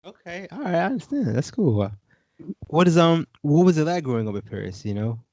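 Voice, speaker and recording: Male podcast host interviewing a guest, lively intonation, curious, upbeat, dry recording. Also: fairly high pitch, a little fast, dry recording, dull audio. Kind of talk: casual interview.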